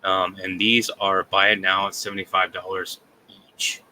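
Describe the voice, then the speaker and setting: A man selling coins on a live sale stream, talking haltingly with many fillers. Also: low voice, flat delivery, bright, forceful tone, a little hiss or hum, poor audio. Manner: halting, many ums and uhs.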